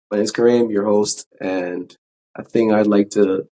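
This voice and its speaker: A man's voice: lowish voice, fairly even intonation, a little slow, very noisy. A man hosting a podcast, asking questions in a chatty, hesitant way with restarts. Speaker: podcast host. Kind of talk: casual interview.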